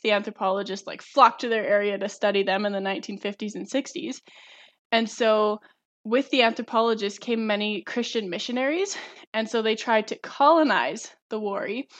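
A woman's voice: mid-range voice, a bit bright. A young woman co-hosting a podcast, explaining a topic eagerly, like a student presenting research. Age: young adult. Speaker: podcast co-host. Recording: slightly dull lo-fi sound.

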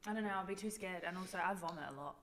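A woman's voice: on the low side, rapid-fire, crowd noise. A young woman, chatting bluntly and casually with a friend, swearing often. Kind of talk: casual chat between friends.

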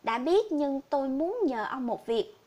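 Woman reading as a sorrowful old villager, pleading, high-voiced. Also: expressive, measured pace, warm tone. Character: poor grieving old man villager.

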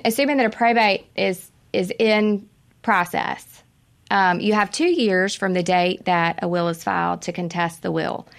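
Gravelly-voiced woman attorney. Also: medium pitch. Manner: chatty, explanatory, frequent restarts. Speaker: estate attorney guest. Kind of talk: radio call-in answers.

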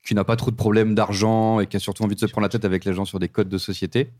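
A man's voice: on the low side, level tone, very fast, darkish tone, dry recording. A man co-hosting a podcast, chatting casually and rambling through jokey recommendations. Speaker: podcast co-host. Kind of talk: casual chat.

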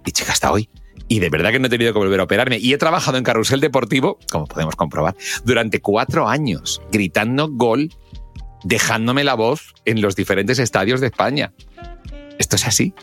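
A man with years in radio, talking through tips in a casual podcast chat. His pitch swings widely and he acts out examples as he goes, with faint music underneath. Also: brisk. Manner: lively, animated speaker, acts out examples, bursts into shouted goal calls. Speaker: guest mentor and radio broadcaster. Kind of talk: casual advice talk on a podcast.

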